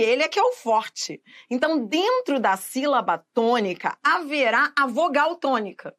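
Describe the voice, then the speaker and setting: Stretching words out as she goes, a woman from Brazil teaches Portuguese grammar for exam preparation and keeps checking in with the viewer. Her delivery is didactic, and her voice sits high with a fairly bright tone.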